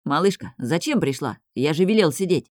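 A man's voice: on the high side, lively intonation, normal speed, darkish tone, dry recording, clean studio sound, lightly acted. Brash young guy, teasing, protective, as the audiobook reader puts him on. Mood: cocky.

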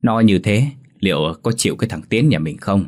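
A man voicing a gruff, angry middle-aged village father who scolds and hisses at his family. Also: lowish voice, lively intonation, a little fast. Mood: angry scolding. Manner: scolding, hissing through teeth.

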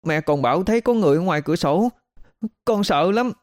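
A male storyteller voicing a frightened little boy who cries and stammers in a high, shaky voice. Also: animated, fast, no echo, studio quality. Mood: scared.

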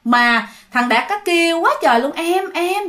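A woman's voice: sits high, lively intonation, moderate pace, sharp tone. A woman narrating a ghost story in a chatty way and speaking straight to her listeners. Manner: chatty, addresses listeners directly.

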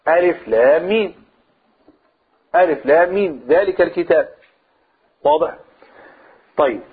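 Egyptian man teaching, husky phone-like sound. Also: sits high. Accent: Egyptian Arabic. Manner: explains by asking and answering his own questions. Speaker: religious teacher. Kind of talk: Quran commentary lesson.

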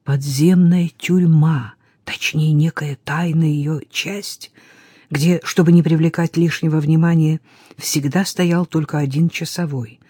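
A narrator reading a historical novel aloud in a calm, measured storytelling voice that drops to a hush at tense moments. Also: medium pitch, husky, no echo, studio quality. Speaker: audiobook narrator. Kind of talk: scripted audiobook narration.

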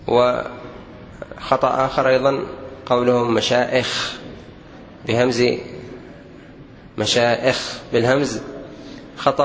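A man teaching Arabic usage, correcting common mistakes one by one in a measured, repetitive lecturing manner. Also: medium pitch, slight background noise, poor audio. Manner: didactic, measured, repeats each correction. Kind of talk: lesson correcting common errors.

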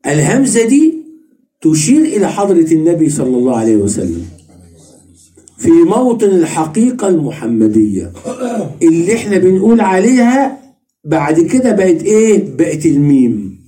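A man's voice: a little high, very animated, moderate pace, warm tone. A man with an Egyptian Arabic accent giving a religious study lesson, asking questions and answering them himself, repeating each point. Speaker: religious teacher.

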